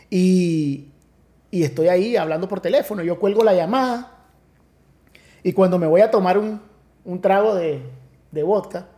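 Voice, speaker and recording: Pastor recounting his conversion, warm low tone, stop-start storytelling. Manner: storytelling with many restarts, acts out quoted voices. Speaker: pastor, podcast guest. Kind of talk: emotional personal testimony.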